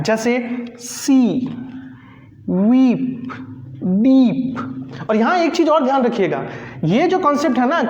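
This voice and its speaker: Patient male phonetics teacher, echoey room. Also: very high voice. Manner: repeats rules patiently, addresses viewers as friends. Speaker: English teacher. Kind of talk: phonetics lesson explaining spelling rules. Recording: echoey room, dull lo-fi sound.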